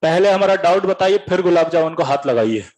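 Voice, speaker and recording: A man's voice: sits high, brisk. A man voicing a bold young male student who insistently questions his teacher. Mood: challenging.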